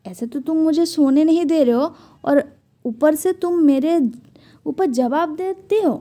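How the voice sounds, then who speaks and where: A woman's voice: sits high, measured pace, warm tone, voice pushed up. A woman voicing an angry male lion, king of the jungle, growling threats in a storybook reading.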